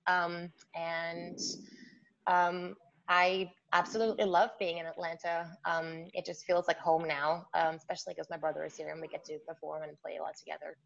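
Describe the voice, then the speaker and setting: A Norwegian pianist, a woman with a lowish, creaky voice, chats casually about her life in an interview, telling warm stories packed with fillers. The remote line sounds muffled, with a faint hiss.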